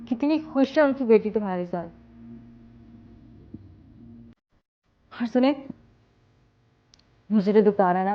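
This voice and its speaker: A woman's voice: mid-range voice, lo-fi sound, close to an everyday voice. An actress playing a young wife buried alive by her husband, speaking emotionally in a TV horror drama. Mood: cheerful. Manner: emotional, pleading then defiant.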